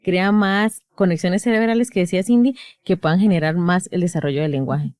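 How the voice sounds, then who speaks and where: Animated Costa Rican woman therapist. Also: fairly low pitch, brisk, no echo, clean studio sound. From Costa Rica. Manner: animated, acts out quotes from sessions. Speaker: speech therapist. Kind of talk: casual podcast conversation.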